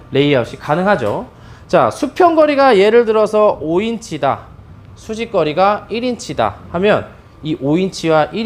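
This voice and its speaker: A middle-aged man, a bowling pro, giving an instructional demonstration, with frequent cues to his viewers as he explains. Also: high-pitched. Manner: lively, animated explaining with many "자" cues.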